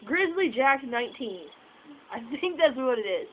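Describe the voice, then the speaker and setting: A woman's voice: high voice, very animated, moderate pace. A young woman chatting casually for a vlog, rambling with lots of fillers and the odd swear, recorded outdoors at night on a phone camera set far away. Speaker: vlogger. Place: outdoors at night by a house porch. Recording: tinny phone audio outdoors with noise.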